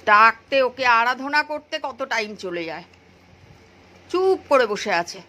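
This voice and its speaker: A woman's voice: a little high, animated, slow pace, bright, forceful tone, rough recording. Bengali woman coaxing her dogs in baby talk. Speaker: vlogger with pet dogs. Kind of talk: casual chat to pets and viewers.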